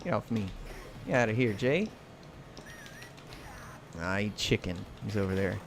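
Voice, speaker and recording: Here the American stream host speaks a little slowly in a lowish, animated voice, chatting casually as he plays. Video game sounds and clacking arcade buttons sit behind a clear recording.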